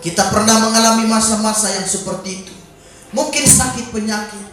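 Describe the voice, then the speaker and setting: A man preaching a sermon in a church, breaking into sudden shouted calls and exclamations. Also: sits high, fairly even intonation, brisk. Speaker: pastor. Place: church during a Wednesday evening service. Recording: very echoey church hall.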